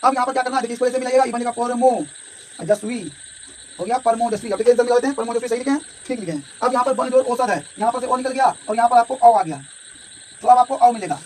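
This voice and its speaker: A man's voice: very high voice, fast talker, darkish tone. A man teaching a grammar lesson, explaining step by step and often checking in his students. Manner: explanatory, repeats "ठीक है" and addresses students directly. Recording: distant mic with faint background noise.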